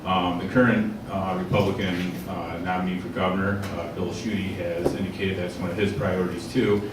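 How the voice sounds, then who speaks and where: A political candidate in his forties answers questions at a public forum, plain-spoken and earnest, heard from a distance in a large, echoey hall with a noisy background. His voice is low, with flat delivery at a moderate pace.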